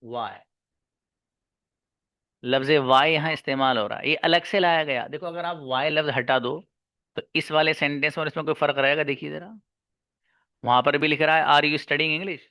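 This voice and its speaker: A male teacher leads an online grammar lesson in a bright, forceful voice. The sound is close and dry. He keeps repeating key terms and answers his own questions to the class. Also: on the high side, dry recording. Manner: asks students questions and answers them himself; stretches out English example sentences slowly. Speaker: English teacher. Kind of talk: online spoken-English lesson.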